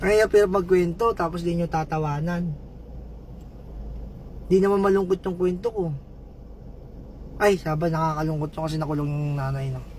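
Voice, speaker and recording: A man livestreaming, chatting with viewers, giving shoutouts and telling a joke story in a casual, playful way. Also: fairly high pitch, moderate pace, pauses often, a little hiss or hum. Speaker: livestream vlogger.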